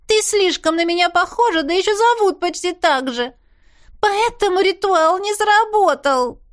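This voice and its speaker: A touchy female cat familiar, as a woman reader puts her on in an audiobook. She talks in a very high, shrill, indignant squeal and bosses everyone around. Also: sing-song, measured pace, a bit bright, exaggerated voice. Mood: shrieking.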